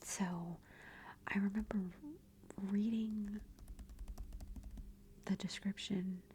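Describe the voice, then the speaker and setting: A woman speaking softly in a hushed, breathy near-whisper, gently and unhurriedly giving an ASMR book review. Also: mid-range voice, flat delivery, takes it slowly, a little hiss or hum.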